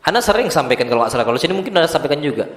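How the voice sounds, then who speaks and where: Male preacher, high voice, animated mosque sermon full of rhetorical questions, echoey hall. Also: very fast. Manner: lively preaching with rhetorical questions to the women present. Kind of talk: lecture in a mosque.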